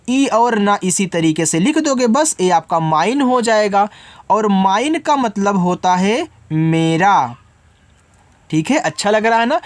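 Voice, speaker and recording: A man's voice: sits high, no echo. A man teaching English spelling step by step, patiently spelling out letters and asking then answering his own questions.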